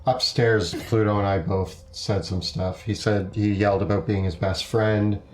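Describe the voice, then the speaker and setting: A man's voice: on the low side, fairly even intonation, normal speed. A man chatting casually as a player in a tabletop game. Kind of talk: casual chat. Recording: roomy echo.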